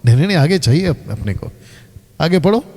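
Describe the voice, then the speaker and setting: A man, a pastor teaching live from the Bible in an animated way, stopping his reader and quizzing the audience. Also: on the high side, fairly quick, husky. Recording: long hall reverb.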